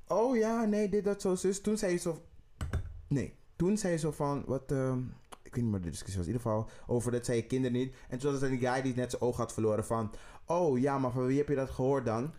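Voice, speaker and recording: A man's voice: medium pitch, fast talker. A man in casual chat, recapping a TV show in mixed Dutch and English and acting out scenes. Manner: animated, switches between Dutch and English, acts out scenes. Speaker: podcast co-host.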